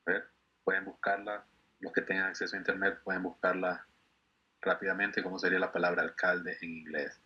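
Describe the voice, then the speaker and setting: A man from Ecuador, teaching an online class and patiently repeating words slowly for his students. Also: deep voice, flat delivery, husky, lo-fi sound. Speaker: English teacher.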